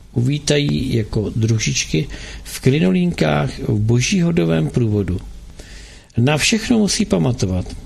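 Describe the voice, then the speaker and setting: Guy reading a novel out slow and steady, raspy creaky voice. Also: medium pitch. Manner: measured storytelling. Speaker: narrator. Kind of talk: scripted narration of a novel.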